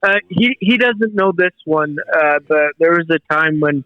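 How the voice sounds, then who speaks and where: A man's voice: on the high side, a little slow, clear, resonant tone, dry recording. A man telling a story on a comedy podcast, hesitant and full of ums and uhs. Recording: dull lo-fi mic.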